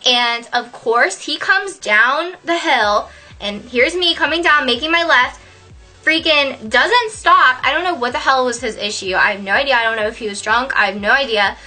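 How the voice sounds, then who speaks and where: A young woman telling a story on her vlog, animated and sweary, laughing often. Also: high-pitched, normal speed, faint music behind. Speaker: vlogger.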